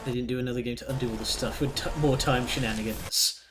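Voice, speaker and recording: A man's voice: medium pitch, steady tone, quick pace, heavy background noise. Wry, sweary man commentating a game. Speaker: video game let's player. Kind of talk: casual gameplay commentary. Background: video game music.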